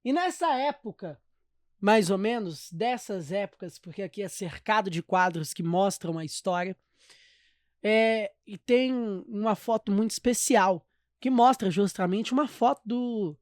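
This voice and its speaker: A man's voice: high-pitched, expressive, a little slow. A Brazilian Portuguese-accented man hosts a church podcast interview. He reacts with enthusiasm and reflects on what his guest shares. The sound is dry and close, with no room echo. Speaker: podcast host. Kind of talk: conversational interview.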